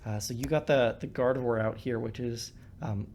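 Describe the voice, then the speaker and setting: A man's voice: medium pitch, steady tone, normal speed, a little mellow. A man giving casual commentary while playing a card game, thinking aloud with many ums and restarts. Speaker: co-host discussing a card game.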